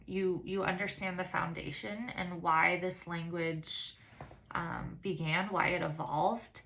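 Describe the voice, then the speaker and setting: A woman's voice: lowish voice, vocal fry, bright, forceful tone, rough recording. A woman talking in a casual, reflective vlog style, earnest and somewhat hesitant in her phrasing. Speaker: science teacher giving a course reflection.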